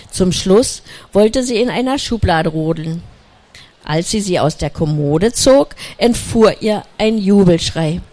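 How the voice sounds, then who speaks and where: A storyteller reading a children's story aloud in a calm, unhurried way, with small slips. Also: medium pitch.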